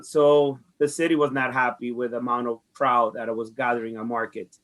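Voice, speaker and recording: A farmers market director from the Dominican Republic answers interview questions conversationally, with a Dominican Spanish accent. His mid-range voice is a bit bright, at normal speed with little pitch movement. He comes across as earnest and often repeats phrases.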